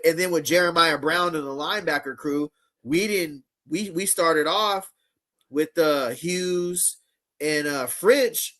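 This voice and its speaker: A man's voice: a little high, fairly bright tone. A man hosting a live fan show in a casual, laid-back way, using slang and reading chat comments aloud. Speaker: show host.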